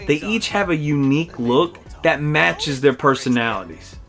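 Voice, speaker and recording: At a moderate pace, a middle-aged reviewer with a fairly high, slightly bright voice hosts a casual, personal game review. He shares nostalgic stories with enthusiasm as music plays in the background.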